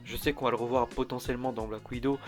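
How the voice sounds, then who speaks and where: A man's voice: mid-range voice, flat delivery, fast talker, soft background music. A man talking casually to camera as a vlogger, rambling and often restarting his sentences. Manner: rambling, with frequent restarts and asides. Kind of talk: casual chat.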